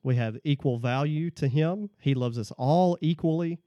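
A man's voice: a little high, normal speed, dark tone, no room sound, muffled recording. A man talking about the Bible in a casual discussion, laying out points one by one and often checking in with "okay?". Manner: explains point by point, tags lines with "okay?". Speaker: guest.

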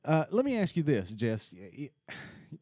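A man's voice: on the high side, wildly swooping pitch, a little slow, a little mellow, no room sound, clean studio sound. A man hosting a casual faith discussion, earnest and thinking aloud with many restarts.

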